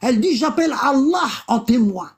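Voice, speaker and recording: A speaker leading a casual religious discussion, reading Arabic passages aloud and translating them with many pauses and fillers. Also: sits high, lively intonation, slightly rough. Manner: explanatory, halting, many fillers, reads Arabic texts aloud then translates; keeps pointing listener to the text.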